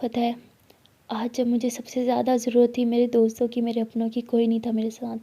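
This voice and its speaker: A woman's voice: a little high, monotone, a little fast, dark tone. A woman storyteller voicing a proud, teasing rich young college woman in a spoken love story. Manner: teasing, sulky pleading. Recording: dull lo-fi recording.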